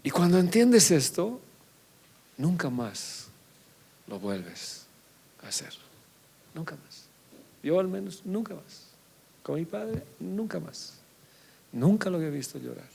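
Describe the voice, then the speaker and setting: A middle-aged man preaching a confessional, emotional sermon that swings from loud to hushed. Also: high voice, sing-song, slow, creaky, long pauses, slight background noise.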